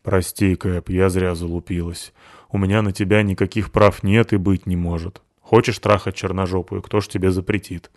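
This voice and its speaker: Male reader as a rough, brawling big woman, crude and loud. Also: low voice, flat delivery, normal speed, dry recording, studio quality. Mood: apologetic. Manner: crude, growling. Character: big coarse brawling woman, foul-mouthed. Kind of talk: audiobook character voicing.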